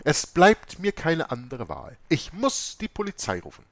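A man voicing a shrill, stern convent head. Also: huge pitch swings, unhurried, no room sound, full character voice. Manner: sharp, commanding, scolding. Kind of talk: audiobook reading.

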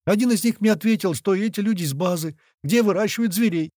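Guy putting on a squealing scared fat captive, high and loud, audiobook, dry sound. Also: quick pace, no room sound. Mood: frightened. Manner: shrill, squealing and pleading. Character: terrified fat middle-aged male captive.

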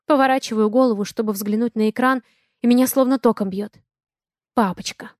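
A young woman narrating a romance novel in the first person with a lively, expressive reading. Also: fairly high pitch, fast talker, dry recording, clean studio sound. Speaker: audiobook narrator.

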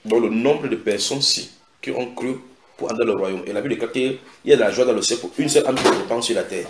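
A man preaching a sermon, breaking into loud dramatic voices for the people in the story. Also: medium pitch, fast talker, roomy sound. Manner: dramatic, acts out biblical voices with sudden loud shouts.

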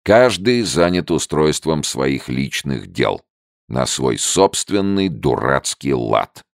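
A man voicing a stubborn young male soldier who speaks sharply and excitedly, his voice cracking at times. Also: rumbling low, takes it slowly, vocal fry, no room sound, clean studio sound, heavily acted. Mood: bitter. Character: tense bitter young male deserter, stubborn.

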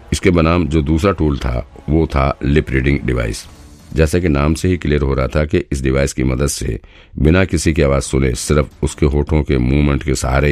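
A man with an exceptionally deep, low voice reads a detective audiobook, steady and measured. Soft music plays faintly beneath his narration. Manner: steady storytelling.

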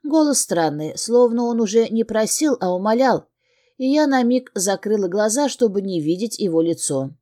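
A woman narrating a first-person fantasy audiobook in an expressive, emotionally engaged way. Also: mid-range voice, normal speed.

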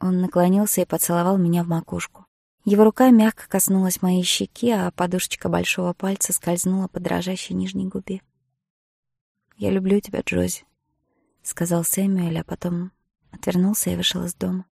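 A woman narrates a novel in the first person with measured, intimate storytelling. Her voice is mellow and slightly gravelly, and the recording is close and dry. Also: on the low side, little pitch movement, no echo. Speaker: audiobook narrator.

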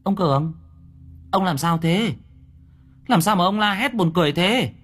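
A cheeky young woman calling out puzzled questions in a raised voice, as a man acts her out. It is husky and lively, in an audio storybook. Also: high-pitched, moderate pace, voice pushed up, heavily acted.

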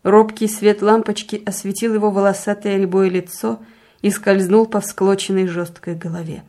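A woman narrating a literary story in a measured, calm reading voice. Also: medium pitch. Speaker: audiobook reader.

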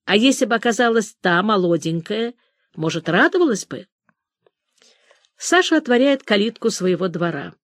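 A woman reading a story aloud as scripted narration, with expressive delivery. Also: medium pitch, normal speed, no echo, clean studio sound. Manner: expressive reading, briefly voicing the characters' quoted lines. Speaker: audiobook narrator.

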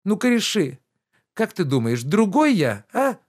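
Indignant idle nobleman in an audiobook, high and shrill, loud lecturing, as a male reader puts him on. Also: very animated, unhurried, heavily acted. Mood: shrill outrage. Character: pampered idle middle-aged gentleman, indignant.

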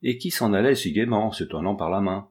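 A man reads a bystander in the street who wonders aloud about two children he passed. He uses an ordinary, low speaking voice with no real character work. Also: fast talker, darkish tone, lightly acted. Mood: curious. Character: adult male passerby in the street, curious.

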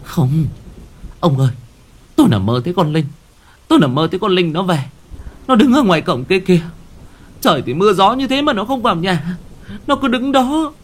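A man voicing a frightened older mother who stammers and wails about a nightmare. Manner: shrill, stammering, wailing.

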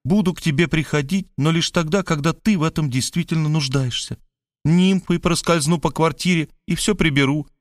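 A man's voice: normal speed, dry recording, clean studio sound, natural voice. A man voicing a doting, dramatic middle-aged woman who pleads with gushing, theatrical exclamations. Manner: gushing, pathetic exclamations, high-pitched. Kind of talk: audiobook character voice.

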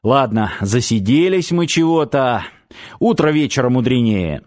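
Guy doing a gruff old grandpa, grumbly and slow, audiobook voice. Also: medium pitch, expressive, darkish tone, natural voice. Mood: grumbling. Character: gruff grey-bearded grandfather, grumbling and caring.

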